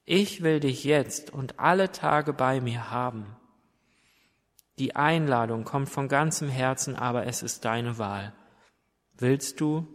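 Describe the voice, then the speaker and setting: A man's voice: medium pitch, close to an everyday voice. A man voicing Jesus, tender and pleading. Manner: slow, soft, tender pleading questions. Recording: long hall reverb.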